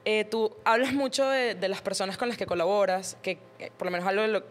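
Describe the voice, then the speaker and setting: A woman's voice: medium pitch, fairly even intonation, brisk, slight background noise. A woman asking questions as a conversational interviewer.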